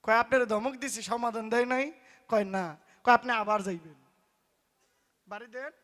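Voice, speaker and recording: A man with a tells a religious story on stage in pala gaan style, loud and emphatic, acting out the voices of its people. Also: very high-pitched, normal speed, a crowd in the background. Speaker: folk singer preaching a story. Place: stage at a live folk performance.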